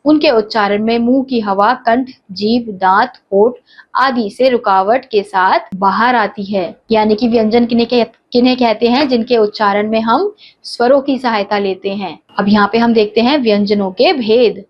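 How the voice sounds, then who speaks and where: Woman teacher going over a lesson point by point, quizzing then answering herself, muffled low-fi audio. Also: normal speed. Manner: explains step by step, asks and answers her own questions. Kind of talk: Hindi grammar lesson. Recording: dull lo-fi recording.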